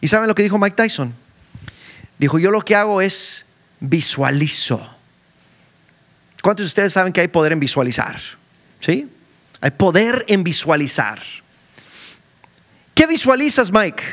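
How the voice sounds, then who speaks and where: A middle-aged man delivers a storytelling sermon. His voice sits fairly high and leaps even higher when he acts out the people in his story. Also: a little slow, pauses often. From Mexico. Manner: animated storytelling, acting out dialogue with sudden pitch jumps. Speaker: preacher and school director.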